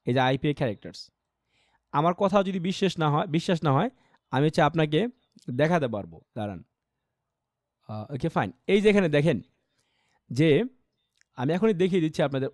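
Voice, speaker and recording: A man's voice: fairly high pitch, darkish tone, no room sound, clean studio sound. Bangladeshi man teaching English pronunciation. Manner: explains in a mix of two languages, repeats phrases, asks students questions. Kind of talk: online class lecture.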